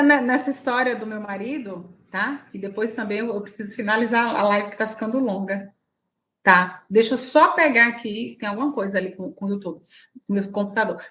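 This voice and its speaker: Woman, Brazilian Portuguese accent, livestream host, chatty, fairly high voice. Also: fairly bright tone. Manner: chatty, asks the audience often. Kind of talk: casual spiritual talk.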